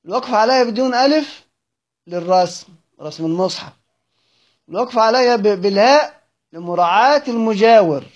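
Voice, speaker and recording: Egyptian guy teaching, keeps asking then answering his own questions, goes over it step by step, kinda high voice. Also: lively intonation, brisk, pauses often. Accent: Egyptian Arabic. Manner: asks rhetorical questions and answers them; repeats points step by step. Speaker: teacher of Quran readings. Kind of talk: lesson, reading a text and explaining it. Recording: muffled lo-fi recording.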